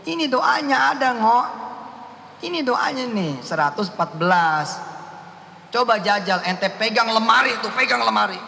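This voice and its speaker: A man's voice: sits high, expressive, normal speed, gravelly, pushed and bright. A male preacher, giving a playful, teasing sermon in slang, recorded in a hall. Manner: playful, teasing, mixes slang and Quran recitation. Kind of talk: joking sermon. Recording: echoey hall, faint hiss.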